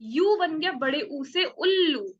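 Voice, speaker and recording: A woman's voice: high-pitched, animated, slow pace, lo-fi sound. A woman teaching a beginners' Spanish class online, stretching out letter sounds and checking often that students follow. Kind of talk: online language lesson.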